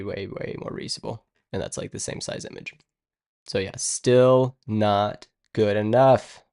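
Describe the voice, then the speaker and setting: A man's voice: lowish voice, vocal fry, darkish tone, no echo. A man live-streaming his coding work, thinking aloud in a rambling, casual way and muttering to himself as he goes. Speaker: live-streaming web developer.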